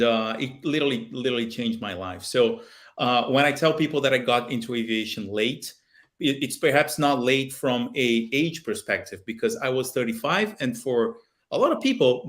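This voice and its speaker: A man's voice: mid-range voice, fairly bright tone. A man in his thirties from Brazil, speaking with a Brazilian Portuguese accent as a guest on a video call, earnest and full of fillers and restarts. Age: 30s. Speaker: guest pilot and aviation video maker. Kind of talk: casual interview on a video call. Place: small home office with a plane picture. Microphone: webcam video call.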